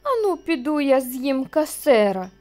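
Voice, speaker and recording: Give me a woman playing a sulky, scheming cartoon wolf who grumbles loudly. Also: high voice, big pitch swings, a little slow, faint music behind, voice pushed up. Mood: grumbling. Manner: grumbling, loud. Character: grumpy scheming male wolf, secretly timid.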